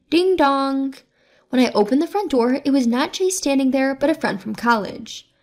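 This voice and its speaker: Woman narrating a story, fairly high voice. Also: a little mellow. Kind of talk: scripted first-person story narration.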